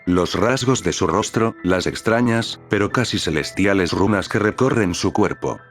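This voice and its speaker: A man narrating a fan fiction story in a steady, even storytelling manner. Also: sits low, moderate pace, faint music behind. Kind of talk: scripted narration.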